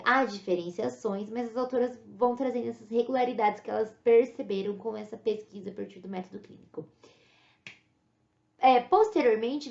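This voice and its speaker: A Brazilian woman teacher giving a recorded lecture, explaining step by step and often checking in with a quick "né?". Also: a little high, vocal fry, a little mellow. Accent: Brazilian Portuguese. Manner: explanatory, frequent "né?" tag questions. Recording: echoey room, dull lo-fi sound.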